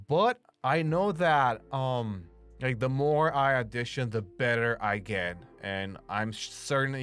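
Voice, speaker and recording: His voice sits at medium pitch with a fairly bright tone. This young streamer and voice actor from Romania, faintly accented, rambles to viewers with heavy use of "like" and plenty of cursing.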